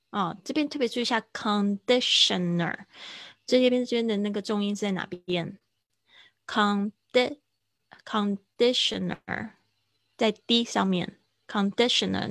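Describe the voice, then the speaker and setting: A woman teaching English vocabulary in Mandarin on a livestream, explaining slowly and repeating words for drill. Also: mid-range voice, gravelly, dry recording. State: hiccuping.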